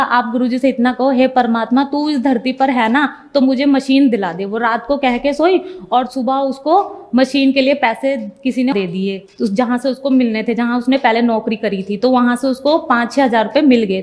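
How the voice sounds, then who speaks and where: A young woman with a fairly high voice recounts her experiences in an earnest testimony. She acts out each exchange as direct speech, with a plain, unhurried storytelling manner. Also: a little mellow. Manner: earnest, retells scenes as direct quotes. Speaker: devotee giving a testimony.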